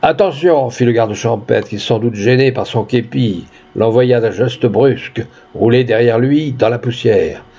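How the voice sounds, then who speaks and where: A man narrating a classic short story in an expressive storytelling manner. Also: medium pitch, measured pace, hardly any pauses, slightly rough, highs cut off. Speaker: audiobook narrator.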